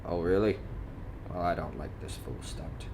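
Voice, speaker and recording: An actor playing a grumpy, tight-fisted, skeptical property owner in a radio drama, curt and grumbling. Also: male voice, sits low, normal speed. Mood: irritated. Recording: loud background noise, hum and clicks.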